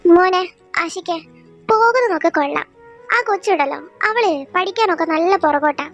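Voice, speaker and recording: A nosy, pushy mother lectures her son in a loud, drawn-out voice, as a young woman puts her on. Her tone is high and bossy, and she leans on every instruction. The whole part is delivered as a fan audio drama. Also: highs cut off, faint music behind.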